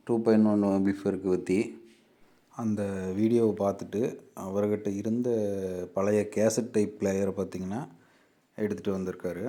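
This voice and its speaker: With a fairly low, dark voice and a Tamil Nadu accent, a man gives his viewers a relaxed, easy-to-follow product walkthrough. He builds and repairs amplifiers and runs the video channel he's presenting.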